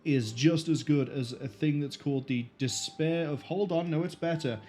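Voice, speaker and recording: A man's voice: on the high side, normal speed, a little mellow. A man streaming a video game, casually thinking aloud with fillers. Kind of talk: live game commentary.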